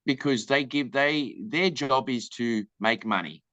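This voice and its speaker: An Australian film director answers interview questions candidly, rambling along and acting out the people in his anecdotes. He speaks at medium pitch, unhurried, with a bright, forceful tone. The recording is dull, lo-fi and dry, with no room sound.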